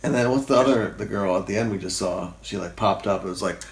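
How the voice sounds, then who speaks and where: A man's voice: fairly low pitch, fast talker, roomy sound. A man hosting a casual couch commentary, joking and acting out quotes in silly voices. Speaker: host.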